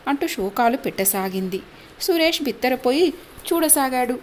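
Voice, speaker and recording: A woman's voice: high voice, expressive, moderate pace, slight background noise. Woman narrating a dramatic story. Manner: dramatic storytelling, voicing each character.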